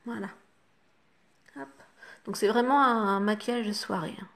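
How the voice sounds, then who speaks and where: Une femme francophone au ton bavard, qui explique pas à pas son maquillage aux spectatrices avec beaucoup de « hop » et « voilà ». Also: female voice, medium pitch, moderate pace, a bit bright. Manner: chatty, talks the viewer through each step with fillers like "hop" and "voilà". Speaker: makeup vlogger. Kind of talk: casual makeup tutorial.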